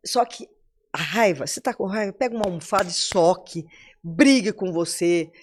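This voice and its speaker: Here a podcast guest in her seventies offers motivation, talking straight to the audience. She has a fairly low pitch, sounds animated, speaks at a normal speed, and carries a Brazilian Portuguese accent.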